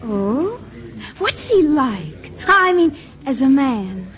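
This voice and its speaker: An actress voices an eager young woman graduate in a 1950s radio drama, full of admiration, enthusiasm, and insistence. Her voice is high-pitched, very animated, slow, and exaggerated, heard through a muffled vintage broadcast with crowd noise.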